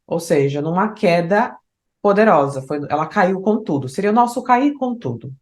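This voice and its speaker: A woman with a Brazilian Portuguese accent teaching an online English lesson. She explains step by step, often checks in with "né?", and slows down to read lyrics aloud. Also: on the low side, lively intonation. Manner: explanatory, tags phrases with "né?".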